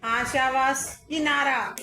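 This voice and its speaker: A woman's voice: sits high, steady tone, slow pace, noisy background. A woman schoolteacher teaching pupils in a classroom, calling on them, praising and correcting their answers. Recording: echoey classroom with music over it.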